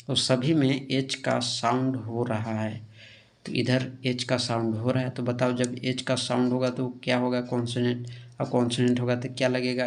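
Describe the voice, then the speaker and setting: Man teaching grammar step by step. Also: medium pitch. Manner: explains step by step with frequent "theek hai" check-ins; asks questions and answers them himself. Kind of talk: classroom grammar lesson.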